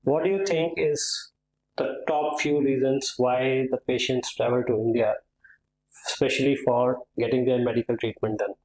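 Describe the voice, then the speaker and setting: A man's voice: mid-range voice, steady tone, normal speed, a little mellow, roomy sound, low-quality recording. A man hosting an interview, politely introducing his guest and asking questions. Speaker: podcast host.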